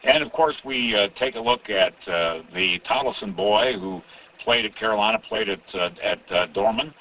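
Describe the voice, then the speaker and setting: A man's voice: on the low side, lively intonation, moderate pace, bright, forceful tone, poor audio. A man hosting a casual radio interview, rambling with many fillers and restarts. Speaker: radio host.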